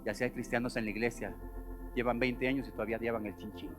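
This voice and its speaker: A man preaching a sermon at a church service, acting out the voices he quotes and swinging between loud and soft. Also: mid-range voice, steady tone, quick pace, music in the background.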